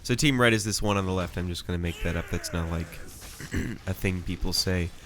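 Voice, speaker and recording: A man with a low-pitched, bright and forceful voice calls a video game match live in a loose, chatty way. His nose is audibly stuffy, and he wanders off into asides as he talks. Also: a little fast, a little hiss or hum. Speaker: game commentator. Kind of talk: casual live commentary.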